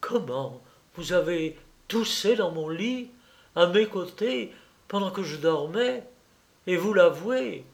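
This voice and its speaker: A man's voice: high-pitched, a little slow, hardly any pauses, darkish tone, voice pushed up. A man voicing an indignant young wife who exclaims and repeats herself in outrage. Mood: outraged.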